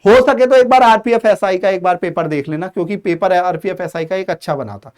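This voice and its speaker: High-voiced coaching teacher. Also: male voice, a little mellow. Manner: addresses students as "saathiyon", talks fast with restarts and fillers. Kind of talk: informal exam-prep lesson.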